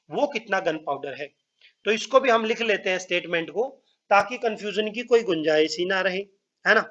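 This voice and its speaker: A man's voice: high voice, a bit bright, highs cut off. A man teaching an online math lesson, talking to his pupils as children, repeating steps and checking that they follow while he writes. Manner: writes on screen while speaking, pauses and drawn-out words.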